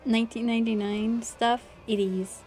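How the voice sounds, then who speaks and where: A woman's voice: fairly high pitch, flat delivery, normal speed, darkish tone, soft background music. A woman game streamer chatting casually with her viewers while she plays, often apologising. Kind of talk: casual livestream chat while gaming.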